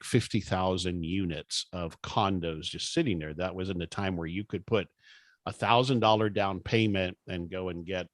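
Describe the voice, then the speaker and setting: Cuban-born man, neutral accent, lowish voice, dry close sound, easygoing podcast co-host. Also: no room sound. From Cuba. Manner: relaxed, chatty storyteller. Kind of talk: casual podcast chat.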